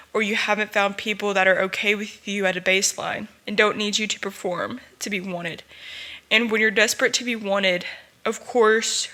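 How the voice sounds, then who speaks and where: A woman's voice: medium pitch, bright, forceful tone. A young woman hosting a personal podcast, talking earnestly and emotionally, close to tears at times. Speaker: podcast host.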